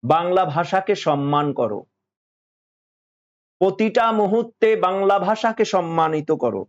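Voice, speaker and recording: A man with a Bengali accent giving a devotional sermon, slow and insistent, repeating phrases and singing verses. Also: high-pitched, highs cut off. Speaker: spiritual teacher.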